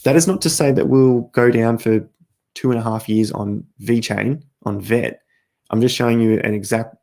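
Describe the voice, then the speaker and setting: A man hosting a casual crypto livestream, talking straight to viewers as he walks through charts, his voice going hoarse with coughs. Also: lowish voice, mellow. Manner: chatty, talks straight to viewers while walking through charts. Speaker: crypto market host.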